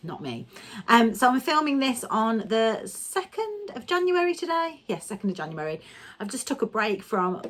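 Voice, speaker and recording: A sewing vlogger chats casually about her sewing plans, rambling and correcting herself as she goes. Her slightly high, sing-song voice is a bit bright and moves at normal speed, though a cold leaves her a little nasal, stuffy and coughing.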